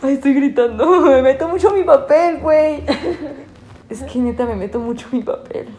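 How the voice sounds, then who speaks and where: A woman with a Mexican accent, co-hosting a podcast in casual chat. She laughs often and talks theatrically, dropping to murmurs and then rising to shouts. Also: high voice, normal speed. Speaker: podcast co-host.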